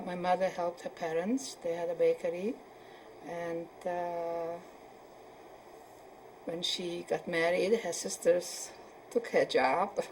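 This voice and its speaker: A woman in her seventies from Poland, answering questions in an oral history interview and often pausing to search for words. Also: fairly low pitch, a little mellow, slight background noise, low-quality recording. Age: 70s. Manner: hesitant, searching for words with many fillers.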